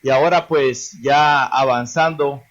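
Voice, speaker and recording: A man's voice: mid-range voice, steady tone, takes it slowly, a bit bright, muffled recording. A man hosting a radio show, sending friendly greetings to listeners. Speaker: radio host.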